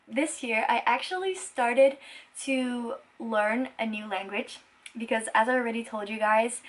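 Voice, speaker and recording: A Belgian woman in her twenties, a native Dutch speaker who vlogs and makes music, chats casually with viewers. Her voice is a little high and a bit bright, and her manner is earnest, enthusiastic and emphatic.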